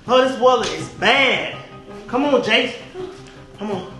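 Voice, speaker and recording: A man playing a dad in a casual acted family skit, calling out loudly to his kids. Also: very high voice, a little slow. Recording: echoey room with music behind.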